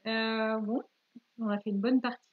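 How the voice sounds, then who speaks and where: A woman with a high voice explains a board-game story in a relaxed, halting way, full of small pauses. Her live-stream audio sounds a bit dull. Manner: hesitant, many "euh" pauses. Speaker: co-host of a board-game channel. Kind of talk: casual live game narration.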